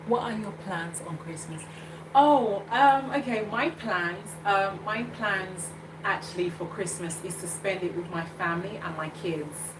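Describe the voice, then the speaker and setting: A woman in her thirties with a mid-range voice hosts a casual live chat, reading out live comments a little slowly. She is hesitant, uses many fillers and restarts, and laughs often. The audio is distant and echoey, with background noise.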